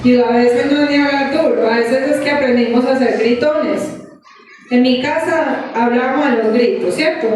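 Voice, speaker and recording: A woman preacher delivering an animated sermon, asking the congregation questions. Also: sits high, slight background noise. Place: church hall. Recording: echoey church from far off.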